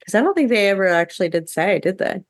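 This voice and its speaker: A woman co-hosting a podcast chats casually, reviewing things and sharing strong opinions while saying "like" constantly. Her mid-range voice swings widely in pitch and moves fast. The studio-quality recording sounds dry.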